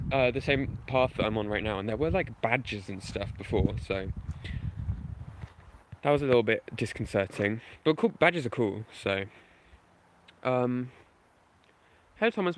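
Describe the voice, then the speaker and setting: A man's voice: mid-range voice, slight background noise. Chatty man vlogging on a night walk. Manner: chatty, self-deprecating, rambling with many fillers. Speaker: video game history YouTuber. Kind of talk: casual night-walk livestream chat. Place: outdoors at night on a path.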